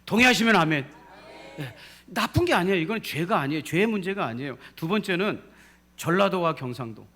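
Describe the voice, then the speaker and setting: A man's voice: sits high, animated, a little fast, sharp tone. A man pastor preaching a sermon in a church, drawing responses from the congregation and rising to emphatic peaks. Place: church sanctuary.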